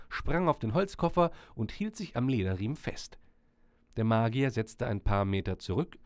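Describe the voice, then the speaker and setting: Man, storybook narrator, gentle, lively intonation, dry close sound. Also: mid-range voice, no room sound.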